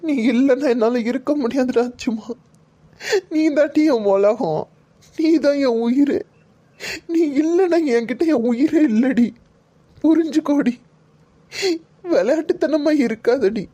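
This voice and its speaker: Desperate young husband, cartoon, pleading, soft mellow tone woman doing him. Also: high voice, a little slow, pauses often, highs cut off. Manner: pleading, emotional. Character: young husband, frantic and heartbroken, searching for his wife.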